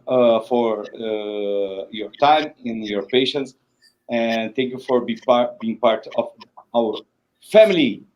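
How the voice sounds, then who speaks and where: A man hosting a live stream interview, speaking haltingly with many uhs and restarts. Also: mid-range voice, low-quality recording. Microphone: video call.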